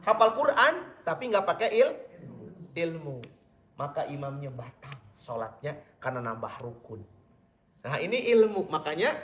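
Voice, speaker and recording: A middle-aged man preaching in a mosque, telling stories lively and often addressing his listeners directly. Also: high-pitched. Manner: lively storytelling, addresses listeners as Pak and Bapak Ibu. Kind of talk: mosque religious lecture. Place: mosque hall. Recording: very echoey hall, mic far off.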